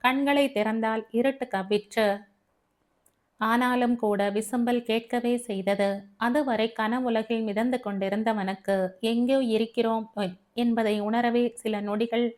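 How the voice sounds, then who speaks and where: Female audiobook narrator, steady storytelling, slightly high voice. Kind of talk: scripted narration.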